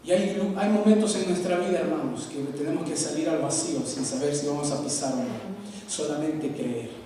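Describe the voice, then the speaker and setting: A man from Peru, preaching a sermon, swinging between loud emphasis and soft asides. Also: a little high, normal speed, a little hiss or hum. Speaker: pastor. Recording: echoey hall, from far off.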